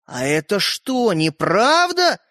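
A man voicing a young boy in a storybook, eager and quick-tempered. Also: sits high, huge pitch swings, sharp tone, dry recording, clean studio sound, exaggerated voice. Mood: indignant.

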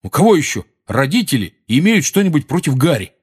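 A man voicing an indignant teenage boy, a school prefect, who exclaims loudly. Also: a little high, sing-song, normal speed, breathy edge, voice pushed up. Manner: loud, exclaiming.

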